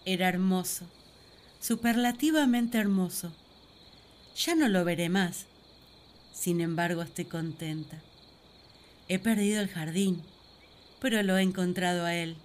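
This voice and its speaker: A woman playing Eve, a devoted first woman, in a gentle, reflective and earnest radio drama monologue. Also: on the low side, a little slow, long pauses, natural voice. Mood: wistful, loving.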